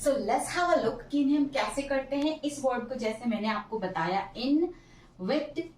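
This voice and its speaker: A woman teaching English vocabulary, mixing languages and stretching out each word slowly to drill its pronunciation. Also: high voice, expressive, a little mellow. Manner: slow, drawn-out pronunciation drills. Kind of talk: bilingual vocabulary lesson. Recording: echoey room, mic at a distance.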